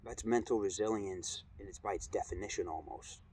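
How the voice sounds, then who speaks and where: A middle-aged man talking casually and reflectively in a vlog, with an earnest, measured, halting delivery. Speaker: cold exposure vlogger. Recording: steady background noise, ambient rumble.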